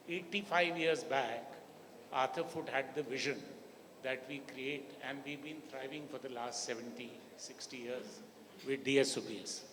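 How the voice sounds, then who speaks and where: A man making impromptu remarks at a conference before putting a question to a panelist. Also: medium pitch. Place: large hotel conference hall. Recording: echoey hall, faint ambient noise.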